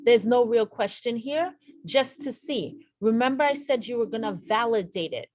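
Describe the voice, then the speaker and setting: A woman's voice: fairly high pitch, animated, moderate pace, a little mellow, dry recording. A woman teaching a nursing exam lesson over a screen share, speaking straight to her viewers and repeating the key points for emphasis. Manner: addresses viewers directly.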